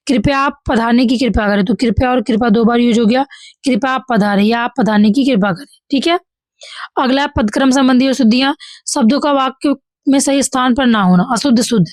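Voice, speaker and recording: Woman teacher, Bihari Hindi accent, fairly high voice, dry close recording. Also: a little mellow, no echo. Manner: reads examples then corrects them, says "ठीक है" often. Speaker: exam-prep teacher. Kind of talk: hindi grammar lesson walkthrough.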